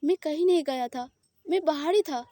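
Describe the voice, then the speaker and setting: A woman's voice: high-pitched, moderate pace, no room sound, studio quality, lightly acted. Woman voicing a possessive, soothing lover. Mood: firm, soothing. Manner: firm, reassuring, slightly louder.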